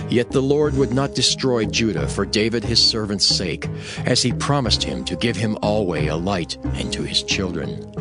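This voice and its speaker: A man with a voice on the low side narrates scripture for a dramatized audio production, measured and declamatory.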